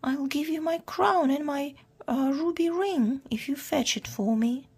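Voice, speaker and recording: A woman voicing an upset young princess who pleads in a high, tearful voice in a storybook reading. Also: a little slow, darkish tone.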